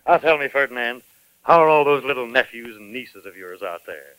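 An actor playing a genial, formal American president in 1940s radio acting. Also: male voice, mid-range voice, expressive, fairly quick, fairly bright tone, smooth, no echo, natural voice, low-quality recording. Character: genial male US president, fatherly.

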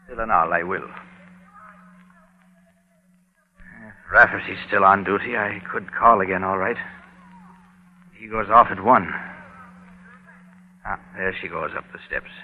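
An actor playing a genial, chatty beat cop in a 1930s-style radio drama, with an Irish accent and a folksy way of talking. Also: male voice, deep voice, normal speed, long pauses, husky. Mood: musing. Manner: folksy, talkative. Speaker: beat policeman. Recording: dull old radio recording.

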